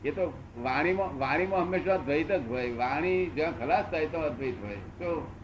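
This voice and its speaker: A man in his seventies answering questions as a spiritual teacher, unhurried and repeating phrases for emphasis. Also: fairly high pitch, dull audio, a little hiss or hum. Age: 70s.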